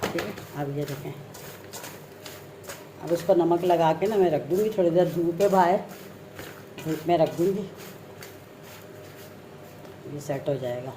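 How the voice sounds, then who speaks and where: A woman's voice: lowish voice, normal speed, long pauses, warm tone, slight background noise. A woman from Pakistan vlogging in her home kitchen, chatting to viewers while she cleans and cuts vegetables, often telling them to look. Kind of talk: casual chat to viewers while cooking.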